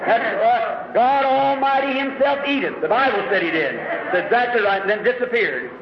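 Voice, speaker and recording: Man, very high voice, dramatic storytelling preacher, old lo-fi recording, echoing hall. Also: animated, normal speed, a crowd in the background. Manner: dramatic storytelling, rising to shouts. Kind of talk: sermon. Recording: echoey hall, dull lo-fi recording.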